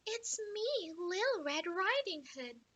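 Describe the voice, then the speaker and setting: A woman's voice: very high-pitched, very animated, slow pace, a bit bright, dull audio, pitched above the performer's own voice, full character voice. A woman voicing a sweet, curious little girl in a storybook.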